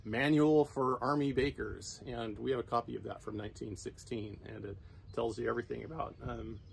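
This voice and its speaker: An older man explaining local history outdoors, unhurried and halting with many fillers. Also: mid-range voice, steady tone, vocal fry, slight background noise, poor audio.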